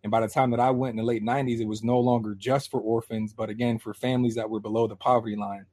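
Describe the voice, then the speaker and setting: A man in his thirties from Pennsylvania, a guest telling his life story in a casual, animated way. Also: lowish voice, fast. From Harrisburg, Pennsylvania. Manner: lively, animated storyteller acting out quoted voices.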